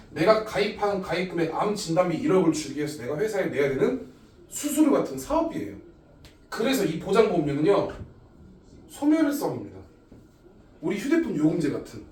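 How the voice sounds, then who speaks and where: A man in his thirties, an insurance agent giving a step-by-step explanatory lecture, often starting with "자". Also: sits high. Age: 30s. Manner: lively, explains step by step with frequent "자". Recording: echoey room, voice a bit far from the mic.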